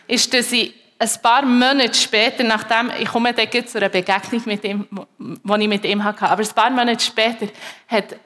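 A woman with a Swiss German accent, a preacher giving a personal faith testimony to a congregation in an emotional, halting way that repeats herself. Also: a little high, fairly bright tone.

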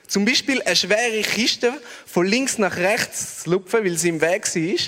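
A man with a Swiss German accent who preaches by retelling a story in a chatty, animated way. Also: high-pitched, measured pace, long reverb tail. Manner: animated, chatty, laughs at his own story. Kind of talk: storytelling sermon.

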